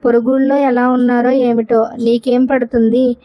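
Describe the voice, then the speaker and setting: Fed-up young housewife, sarcastic and complaining, slightly high, dull lo-fi storybook recording, voiced by a woman narrator. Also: level tone, moderate pace, natural voice. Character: young housewife, sharp-tongued and exasperated.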